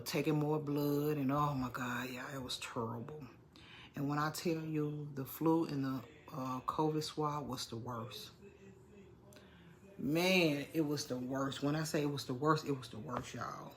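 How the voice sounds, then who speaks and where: A middle-aged vlogger with a low, gravelly voice chats casually to her viewers, calling them "y'all" and repeating herself. Her chest is congested and she's under the weather.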